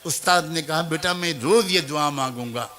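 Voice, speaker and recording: A male preacher delivers an emotional sermon in a high, ringing voice. He tells a story with feeling and turns to speak straight to his listeners. His tone is bright and impassioned throughout. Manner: impassioned, addresses audience directly.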